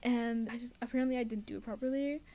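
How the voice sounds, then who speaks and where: A young adult woman, a student game developer and artist, gives a casual, rambling devlog voice-over, self-deprecating and giggly in an informal way. Her voice is a little high and dark in tone, with fairly even intonation and a fast pace.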